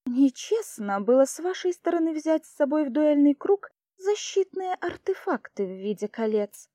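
A woman narrating gives voice to an impassive female judge presiding over a magic duel. She speaks in a dry, formal, faintly mocking way, her tone mellow and a little high. The recording is dry and close. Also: very animated, moderate pace, no room sound. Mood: cool. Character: cool, strict female academy duel judge.

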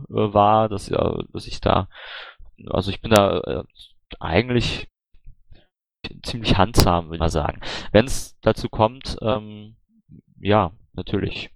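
A man's voice: fairly low pitch, measured pace, creaky, no room sound. A man answering questions as a candidate in an online voice chat, hesitant with many fillers and restarts. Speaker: candidate for party board. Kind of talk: online Q&A, casual spoken answers.

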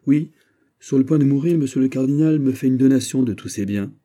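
A man voicing a polite, reserved young king who speaks in a courteous, measured way. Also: mid-range voice, warm tone, voice pushed up, close to an everyday voice. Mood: surprised.

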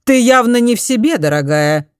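A woman's voice: on the high side, animated, moderate pace, clear, resonant tone, no echo, clean studio sound, pitched above the performer's own voice, natural voice. Woman playing a prim stern lady of the house. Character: stern aristocratic middle-aged mother, prim and disapproving.

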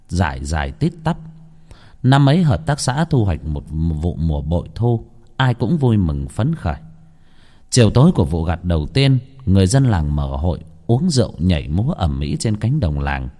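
A man narrates a village ghost story in a dramatic, expressive way. His voice sits low but rises and falls widely. The telling is scripted and paced for suspense.

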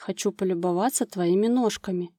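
A woman's voice: normal speed, a little mellow, no room sound, studio quality, natural voice. Woman reading as a passionate, coaxing man lover. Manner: low breathy whisper, coaxing.

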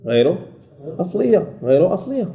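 A man teaching a Quran recitation lesson, who asks and answers his own questions and slowly repeats example words. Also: sits high, sing-song, dark tone. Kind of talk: recorded tajweed lesson.

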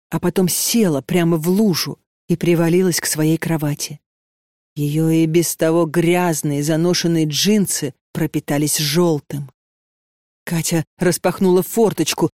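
Female audiobook narrator, measured reading, dry close sound. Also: low-pitched, fairly even intonation, mellow, no room sound. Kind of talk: scripted narration.

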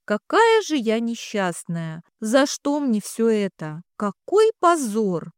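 A woman's voice: fairly high pitch, lively intonation, moderate pace, clean tone, dry recording, studio quality, natural voice. A woman reading as an emotional young bride. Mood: sobbing. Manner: pleading, then tearful and scolding. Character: young village bride, emotional, talkative, quick to anger. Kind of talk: audiobook character reading.

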